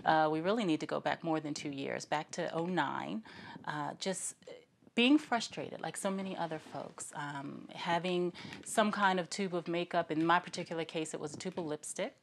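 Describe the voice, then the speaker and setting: Woman, interview guest, very low pitch, gravelly, chatty, hesitant restarts. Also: moderate pace, a little hiss or hum. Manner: chatty, many ums and restarts. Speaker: guest entrepreneur. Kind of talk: interview storytelling.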